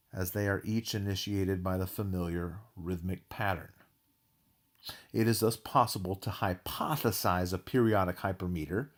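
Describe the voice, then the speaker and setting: Low-voiced man giving a music theory lecture. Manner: measured academic delivery with occasional fillers. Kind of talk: recorded lecture reading an analysis.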